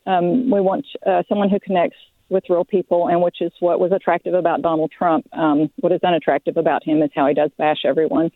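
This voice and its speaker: A woman's voice: fairly low pitch, little pitch movement, fairly quick, no room sound. Breathless woman caller on a phone line. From Arkansas. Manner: hesitant, polite, lots of ums. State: out of breath from walking. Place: outdoors walking.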